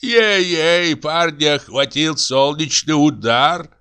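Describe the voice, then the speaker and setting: A man's voice: fairly high pitch, takes it slowly, sharp tone, clean tone, voice pushed up, exaggerated voice. A man voicing a fussy, meddling old village woman in an audiobook, lamenting in a folksy drawl.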